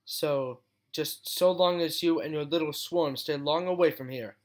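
A tense young pony princess, sharp and emphatic, as a male reader voices her. Her lines come out higher and louder than the narration, with a bite. It's a storybook reading of a fan story. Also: brisk, lightly acted. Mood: stern.

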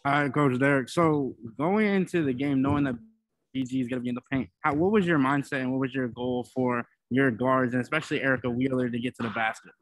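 A male reporter asks a coach a deliberate question about game strategy. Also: medium pitch, low-quality recording. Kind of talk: press conference question.

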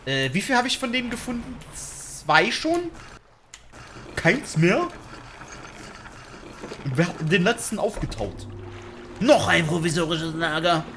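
Lively slangy young man gaming. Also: high voice, takes it slowly, long pauses, slight background noise. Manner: chatty, slangy, reacts loudly and jokes. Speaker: gaming YouTuber. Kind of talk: casual let's-play commentary.

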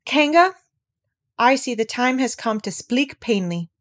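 Small anxious piglet for a storybook, played by a woman: squeaky, high, insistent and protesting. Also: animated, a little slow, fairly bright tone. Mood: bravely indignant. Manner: exclamatory, plaintive, insistent. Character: small, timid, indignant piglet, spluttering and protesting.

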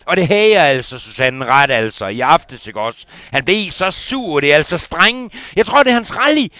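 A man's voice: fairly high pitch, big pitch swings, sharp tone. Gitte, a man doing a chatty indignant housewife. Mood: indignant gossip. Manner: rambling, keeps adding "ikke også" for agreement. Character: gossipy middle-aged housewife, indignant and chatty. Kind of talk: comic monologue performance.

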